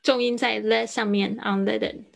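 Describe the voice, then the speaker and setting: Brief: woman teacher on a video call, gravelly and fairly high, drills pronunciation and corrects each word. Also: steady tone, moderate pace, fairly bright tone. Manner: corrective, drilling words repeatedly. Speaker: English teacher. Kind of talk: online pronunciation lesson.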